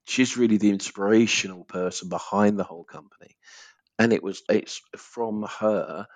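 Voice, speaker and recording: A man's voice: fairly low pitch, fairly even intonation, moderate pace, no echo. A man with an Essex accent chatting informally as a guest in a conversational interview. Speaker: podcast guest, business owner.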